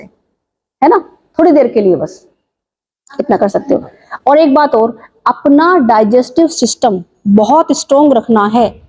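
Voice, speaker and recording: A woman teaching yoga and diet in an informal talk, asking listeners lively rhetorical questions. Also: high voice. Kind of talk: informal health talk to viewers. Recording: dull lo-fi sound.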